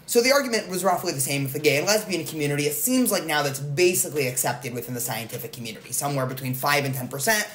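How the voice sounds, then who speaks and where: A man's voice: on the high side, animated, quick pace, hardly any pauses, fairly bright tone. A man hosting a podcast in casual conversation, rambling and correcting himself with lots of fillers. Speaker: podcast host. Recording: roomy echo, faint noise.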